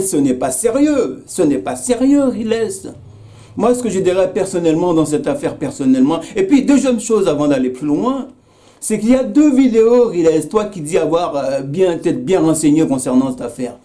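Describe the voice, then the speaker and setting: Earnest man with a bright voice. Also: high voice. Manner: earnest, repetitive, many hesitations, addresses another creator by name. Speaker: YouTube commentator. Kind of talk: direct-address video commentary.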